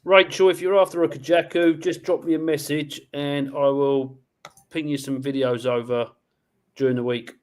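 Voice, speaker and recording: A man runs a live koi auction over a stream, talking in a brisk, matter-of-fact way. He reads out lot details, starting bids and countdowns, with loose, casual chat in between. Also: fairly high pitch, steady tone. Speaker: auction host.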